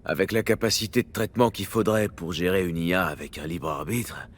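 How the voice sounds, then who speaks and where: A man's voice: deep voice, brisk. A man playing a skeptical but loyal streetwise techie in a French video game, casual and matter-of-fact. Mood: disillusioned.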